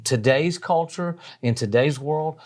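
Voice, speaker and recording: A middle-aged man on a church men's podcast, talking in an animated, emphatic way. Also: a little high, a little slow. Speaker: podcast guest.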